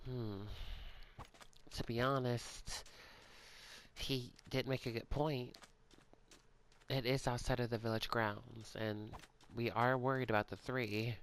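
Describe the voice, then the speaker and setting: Man, mid pitch, sleepy and hesitant, soft-spoken game role-play with lots of ums. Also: little pitch movement, slow pace, long pauses, slight background noise. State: yawning, sleepy. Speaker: gaming channel creator.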